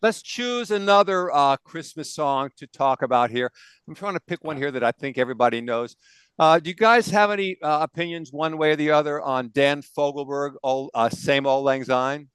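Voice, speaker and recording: Smooth-voiced man hosting with gusto. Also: a little high, moderate pace, a bit bright, no room sound, poor audio. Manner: opinionated, enthusiastic storyteller. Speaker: podcast host. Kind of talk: casual music debate chat. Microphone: on camera, video call.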